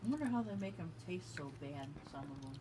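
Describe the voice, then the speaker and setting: A woman's voice: lowish voice, animated, fairly quick. A young adult woman in casual chat, bluntly grossed out while eating gross jelly beans. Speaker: challenge partner. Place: small bedroom indoors. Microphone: phone camera a few feet away. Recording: noisy home recording, sitting back from phone.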